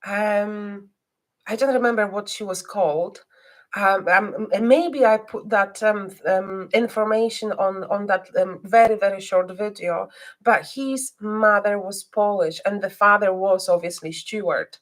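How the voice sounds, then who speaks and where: A psychic reader hosting a live stream speaks slowly in non-native English with a slight Scottish twang, her voice medium-pitched and steady. She hesitates constantly with ums and restarts during chat, but turns soft and guiding when she leads a reading. The recording is rough.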